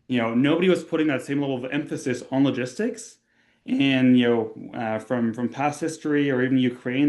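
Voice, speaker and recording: Speaking in a mid-range voice, a young Austrian man who co-founded a tech company is a guest in a casual podcast interview. His manner is conversational, and he works through ideas with many fillers and restarts.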